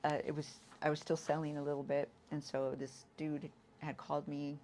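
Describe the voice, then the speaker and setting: A woman with a low voice speaks candidly about her own past, halting and restarting as she goes. A faint hiss sits under the recording. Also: flat delivery. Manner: halting, restarts often, leans on "you know"; acts out quoted lines with sudden loud bursts. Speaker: guest sharing an addiction recovery story. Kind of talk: candid personal testimony.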